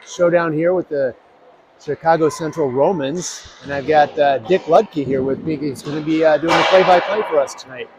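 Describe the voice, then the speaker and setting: A man hosting a high school hockey broadcast, chatting through the pregame with lots of fillers and quick agreement. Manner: chatty, filler-heavy, affirming. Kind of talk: casual pregame commentary. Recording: noisy arena ambience.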